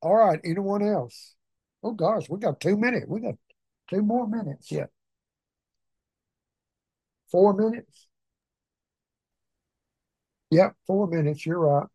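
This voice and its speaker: A man's voice: sits high, lively intonation, slow, pauses often, dark tone, breathy edge, no room sound, clean studio sound. Folksy man with an Arkansas Southern accent. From Arkansas, southern United States. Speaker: preacher leading a prayer meeting. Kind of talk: folksy informal talk to a congregation.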